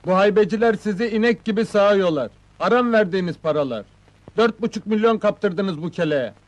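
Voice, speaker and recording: An actor playing a cocky, street-smart young watermelon seller in a comedy film, talking brashly and defiantly. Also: male voice, high voice, brisk, lightly acted. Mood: swaggering. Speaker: watermelon seller posing as goalkeeper. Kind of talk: 1970s comedy film dialogue.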